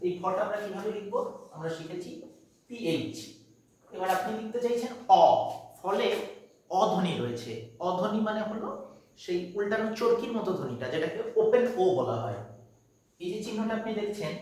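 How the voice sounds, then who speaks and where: A man's voice: high-pitched, animated, a little fast, a little mellow. A man teaching a patient, step-by-step phonetics lesson, checking in with his students as he goes. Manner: patient, step by step, asks "তাই তো?". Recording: echoey room, mic at a distance.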